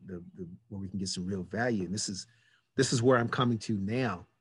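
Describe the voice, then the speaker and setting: A man's voice: on the low side, brisk, husky, dry recording, studio quality. A man in his fifties hosting a reflective conversation, earnest and repeating key words for emphasis. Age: 50s. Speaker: podcast host.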